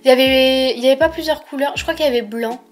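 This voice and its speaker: High-voiced young woman with a lisp. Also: fast, soft background music. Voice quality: lisp on s sounds. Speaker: vlogger presenting a shopping haul. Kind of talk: casual chatty haul presentation.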